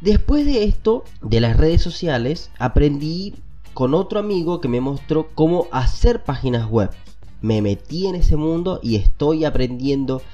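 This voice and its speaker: A podcast host with a Latin American Spanish accent and a cold-stuffed nose delivers a casual motivational monologue, addressing listeners directly in a conversational way. His fairly high voice swings widely in pitch at a measured pace, with a dark tone, dull audio and faint music behind.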